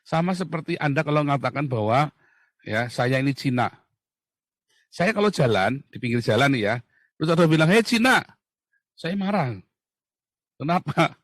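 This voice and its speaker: A man from Indonesia talking in a heated, casual monologue, blunt and mocking, swinging from loud outbursts to low muttering. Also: no echo, studio quality. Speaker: talk show speaker.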